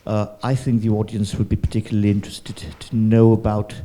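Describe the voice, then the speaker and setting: A man's voice: on the low side, flat delivery, fairly quick, warm tone. A man moderating a festival panel, asking rambling, hesitant questions.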